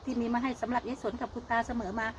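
A woman's voice: on the high side, level tone, racing. Older woman vlogger with an Isan accent, folksy and chatty, on a noisy outdoor recording. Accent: Isan (northeastern Thai). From Thailand. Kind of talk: casual chat to viewers.

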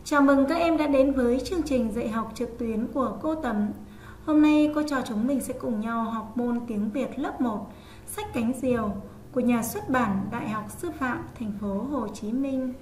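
High-voiced woman teaching young children. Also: a little mellow, reverberant, a little hiss or hum. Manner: slow, drawn-out sounding out of letters. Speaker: online primary school teacher. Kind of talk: children's reading lesson.

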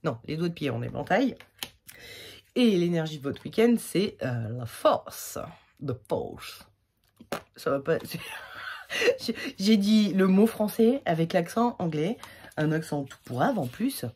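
Low, slightly husky woman, casual tarot reader, rambles with fillers and laughs at her own slips. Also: big pitch swings, a little slow, warm tone. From France. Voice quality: slightly husky, irritated throat. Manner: chatty, rambling, many fillers and self-corrections. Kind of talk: casual weekly tarot reading.

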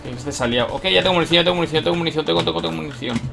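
A young man from Spain with a Spanish accent, commenting on his own gameplay and talking to himself, excitable and swearing often. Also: a little high, very fast, gravelly, background noise. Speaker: gaming YouTuber.

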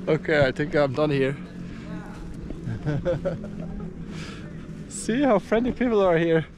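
This is casual vlog narration from a Belgian man in his thirties who wanders an outdoor stadium and its corridors, laughing often. He speaks slowly and expressively in a slightly high voice, pausing often. There's background noise, and he records on an action camera at arm's length.

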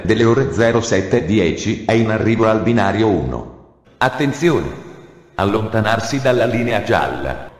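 A man reading formal train station announcements in a measured, even delivery. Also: fairly low pitch, reverberant.

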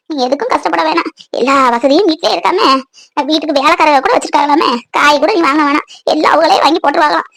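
A woman voicing a gentle old grandmother in a cartoon, coaxing and tenderly scolding her granddaughter. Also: sits high, creaky, dry recording. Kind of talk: cartoon voice acting.

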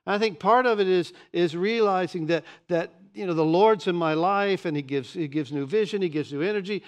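A man in his sixties preaching a sermon from a church pulpit, animated and often repeating words as he starts a sentence. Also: high-pitched, a little fast. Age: 60s. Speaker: pastor. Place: church stage behind a pulpit.

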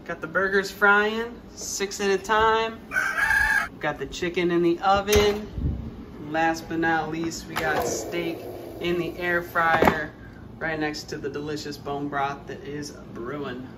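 A man's voice: on the high side, fairly even intonation, takes it slowly, very noisy. A young man vlogging at home, chatting upbeat and directly to his viewers. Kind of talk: casual chat to camera. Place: home, indoors, living room and kitchen.

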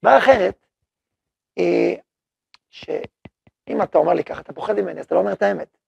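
Rabbi man teaching a class, kinda high voice, really gravelly, chatty, keeps asking the room stuff. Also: a little mellow, no echo, highs cut off. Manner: conversational, asks the audience questions. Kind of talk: Torah lesson.

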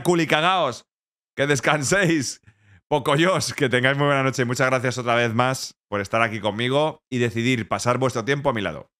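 A man's voice: mid-range voice, pushed and bright, smooth. A man from Spain streaming live, chatting casually and joking, with playful mock-French and bits of other languages. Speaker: Twitch streamer.

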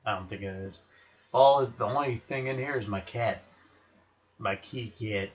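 A man's voice: lowish voice, moderate pace, lo-fi sound. A man giving rambling, profane, sarcastic commentary while playing a video game. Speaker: let's play gamer. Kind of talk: casual crude gameplay commentary.

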